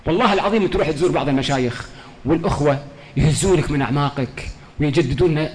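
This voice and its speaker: A man's voice: a little high, fast, a little hiss or hum. A man giving a religious lecture, telling stories in a fervent, pleading way. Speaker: preacher.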